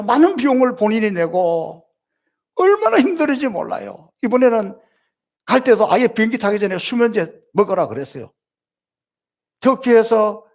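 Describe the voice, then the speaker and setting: A middle-aged pastor preaches a Sunday sermon in a high voice. His pitch leaps and falls widely as he stacks repeated phrases. He presses his points with rhetorical questions. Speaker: senior pastor.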